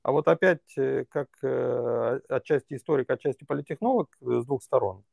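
A man's voice: medium pitch, moderate pace, vocal fry, a little mellow, no echo, studio quality. A man working as a political consultant, answering interview questions in long, reasoned stretches with many fillers.

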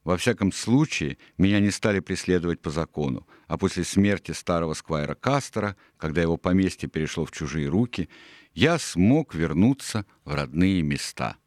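A man narrating an audiobook in a calm, measured storytelling manner. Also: low-pitched, dry recording, studio quality.

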